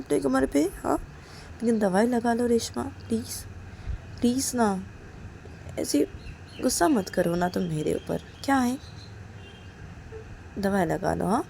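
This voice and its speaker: Pleading caring young woman, played by a woman, coaxing repeats, slight vocal fry. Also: a little high, a little mellow, a little hiss or hum, pitched above the performer's own voice.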